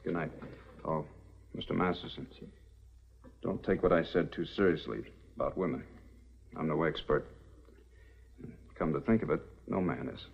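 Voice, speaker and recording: An actor playing a steady, level-headed frontier marshal who speaks in a measured, firm way, in a 1950s TV western. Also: male voice, extremely low pitch, creaky, slightly rough, exaggerated voice. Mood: calm. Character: calm, steady frontier marshal, grown man. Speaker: town marshal. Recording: dull lo-fi old TV sound.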